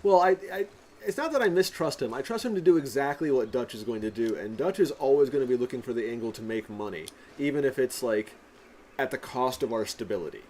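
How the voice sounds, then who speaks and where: A man's voice: mid-range voice, lively intonation, fast, dark tone, a little hiss or hum. A man giving casual gameplay commentary as host. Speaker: gamer host.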